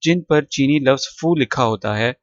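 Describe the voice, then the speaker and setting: A man teaching an English lesson, explaining words and repeating them slowly for pronunciation. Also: mid-range voice, dry recording, muffled recording. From Pakistan. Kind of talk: recorded classroom lesson.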